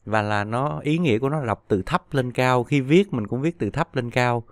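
Male language teacher, mid-pitched, patient, stretches example syllables; dry recording. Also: dry recording. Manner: patient, drawn-out model syllables. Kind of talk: explaining pronunciation lesson.

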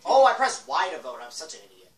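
A woman chats through a video game with playful, giggly commentary, her pitch rising and falling a lot. She sounds far from the mic in an echoey room, with faint hiss behind her. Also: sing-song, fast talker, soft background music. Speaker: gaming channel host.

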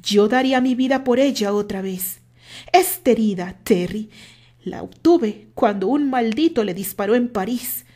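A woman's voice: on the high side, unhurried, dark tone. Brief: woman playing confident mocking rival, firm and cutting, storybook reading. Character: self-assured man, firm and mocking rival.

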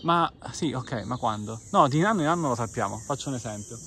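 A man's voice: mid-range voice, animated, fairly quick, fairly bright tone, a little hiss or hum. A man hosting a podcast, chatting casually while walking outdoors, quoting imagined listeners and a little out of breath. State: out of breath from climbing. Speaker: podcast host. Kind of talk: walking vlog talk. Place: outdoors on a trail by a cave.

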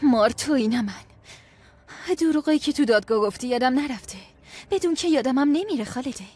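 Golru, a scheming young wife. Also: female voice, high voice, lively intonation, darkish tone. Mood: taunting. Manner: cool and taunting with the servant, soothing with her husband. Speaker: new lady of the house, Jahan's wife. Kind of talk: Persian dubbing of a TV drama.

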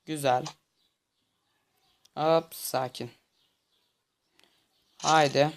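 A young man mutters to himself while commenting on the game he's playing, tense and quick to get frustrated. His voice is fairly high with fairly even intonation, and he speaks very slowly.

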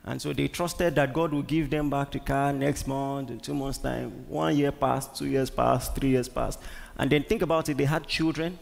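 A man's voice: medium pitch, steady tone, normal speed, creaky. A man with a Nigerian accent preaching a sermon as pastor, emphatic, repeating words and questioning the congregation. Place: large church hall. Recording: long church-hall reverb.

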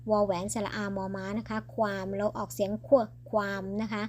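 A woman teaching English pronunciation in a slow, patient way, spelling words out letter by letter. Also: mid-range voice, level tone, a little mellow, a little hiss or hum. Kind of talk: slow spoken vocabulary lesson.

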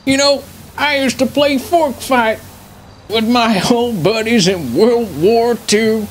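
A man's voice: extremely high pitch, slow, slight background noise. A man voicing a forgetful, cheerful old grandpa war veteran in a folksy, rambling grandpa voice for online game role-play. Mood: rambling, reminiscing.

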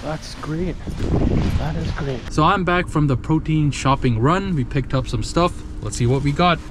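A young man in casual vlog chat, excitable and chatty, talking to a handheld camera in a store and a parked car. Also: a little high, normal speed. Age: young adult. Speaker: fitness vlogger. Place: grocery store, then parked car at night. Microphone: handheld camera at arm's length. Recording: noisy background.

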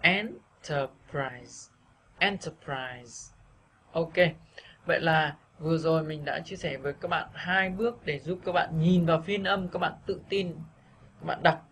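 Guy teaching english sounds, patient, says words slow, higher voice. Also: steady tone, a bit bright, a little hiss or hum. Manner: patient, repeats words slowly for practice. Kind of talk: video lesson.

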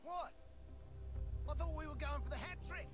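A man's voice: very high voice, normal speed, over music. An actor voicing a cocky male mercenary in video game dialogue, speaking in a cheeky, laid-back way. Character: cocky male Australian rogue, boomerang-throwing mercenary.

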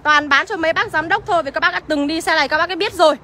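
Bright high-voiced woman selling cars. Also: racing, slight background noise. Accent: Northern Vietnamese. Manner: chatty, rattles off car features and prices. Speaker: used car seller. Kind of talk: livestream sales pitch.

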